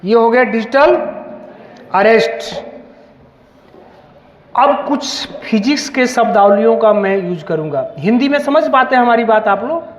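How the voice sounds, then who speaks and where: A man's voice: very high-pitched, expressive, unhurried, long pauses. A man whose first language is Hindi, a police officer running an interactive school workshop who calls students up one by one with encouragement. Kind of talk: interactive classroom teaching. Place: school hall. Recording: echoey hall, dull lo-fi sound.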